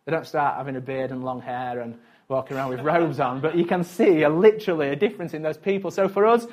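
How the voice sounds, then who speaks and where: Chatty male pastor, slightly high voice. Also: fast, a little mellow. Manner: conversational, chatty, chuckles between points. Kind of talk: sermon.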